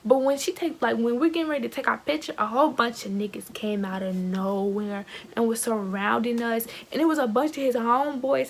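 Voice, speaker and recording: A teenage girl telling a casual storytime vlog into her phone, chatty and animated, full of fillers and slang, talking to her viewers as y'all. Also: fairly high pitch, vocal fry, slight background noise. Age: teens. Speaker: vlogger.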